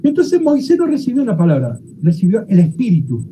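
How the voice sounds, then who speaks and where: A Bible teacher lectures in a lively way, and the voice swings widely in pitch as ideas are explained. The tone is very dark and mellow. Short questions to the class come up often, and faint room ambience sits behind the voice. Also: slight background noise, poor audio. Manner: explanatory, often checks understanding with quick questions.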